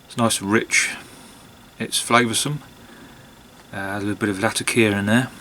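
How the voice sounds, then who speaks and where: A man chatting casually on his own in a hesitant, musing way, with long pauses and trailing phrases. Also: lowish voice, steady tone, pushed and bright, slight background noise. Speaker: pipe-smoking vlogger. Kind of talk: casual monologue to camera.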